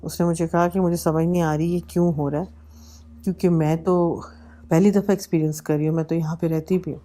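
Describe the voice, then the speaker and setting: A woman vlogger telling a personal horror story in a casual way, slipping English words into her talk and going unhurried and hushed at the tense moments. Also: sits low, steady tone.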